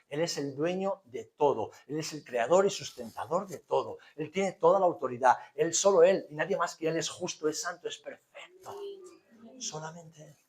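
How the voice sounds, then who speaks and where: A man with an accent from Spain preaching a conversational sermon as a pastor, using rhetorical questions, emphatic repetition and colloquial humour. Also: a little high. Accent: Spanish from Spain.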